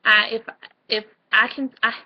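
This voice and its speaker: Young woman vlogger, a little out of breath, chatty and rambling, slightly high voice, muffled home recording. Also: little pitch movement, normal speed. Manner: rambling, chatty, with fillers and restarts. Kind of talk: casual late-night vlog talk.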